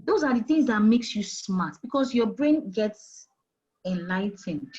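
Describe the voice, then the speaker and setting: In a muffled recording, a woman with a mid-range, darkish, slightly rough voice speaks expressively and without hurry. The Nigerian-accented HR manager advises on careers during an interview, pressing her points, repeating them and throwing in rhetorical questions.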